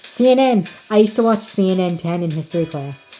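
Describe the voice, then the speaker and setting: A woman's voice: lowish voice, animated, a little fast, dark tone, soft background music, low-quality recording. A woman giving casual reaction commentary over a video as host.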